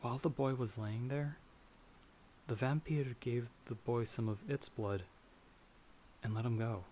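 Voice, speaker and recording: In an ASMR fantasy roleplay, a man lightly acts as a timid, polite young farmer traveler, a young adult who is easily frightened, telling an uneasy story hesitantly and somewhat formally. His mid-range voice is dark and steady and a little slow. Stormy night ambience plays behind him, with a little hiss or hum.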